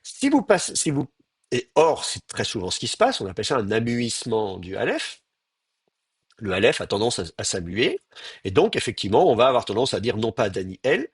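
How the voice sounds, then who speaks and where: In a university lecture, a Frenchman explains patiently step by step, often pausing on hesitant fillers while he sounds out words and demonstrates pronunciations aloud. His slightly husky voice swings widely in pitch, and the sound is close and dry with no room sound.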